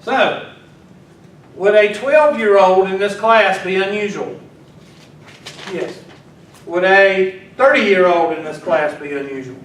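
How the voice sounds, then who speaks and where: Teasing teacher in an echoey classroom. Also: male voice, high-pitched, slow, long pauses, fairly bright tone. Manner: teasing, talks to students while working. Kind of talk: classroom lecture. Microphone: far from the mic. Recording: echoey classroom from far off, faint noise.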